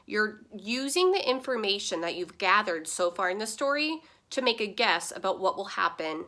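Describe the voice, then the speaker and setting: A woman's voice: mid-range voice, big pitch swings, normal speed, sharp tone. Upbeat woman teacher greeting her class. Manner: upbeat, enthusiastic, chatty. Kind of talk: read-aloud lesson for children.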